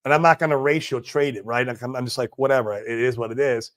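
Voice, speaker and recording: A man's voice: medium pitch, fairly even intonation, fast talker. A man in his forties hosting a casual livestream, chatting in a laid-back, slangy way and peppering his talk with "man" and "dude". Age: 40s. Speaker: livestream host. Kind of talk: casual livestream chat reading viewer comments. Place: home in Puerto Rico.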